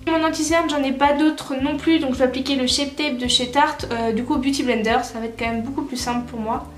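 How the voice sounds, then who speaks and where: A woman's voice: high-pitched, fairly even intonation, fairly quick. A young woman from France chatting casually through a makeup tutorial, with lots of fillers and self-corrections. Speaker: beauty vlogger. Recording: roomy echo with soft music behind.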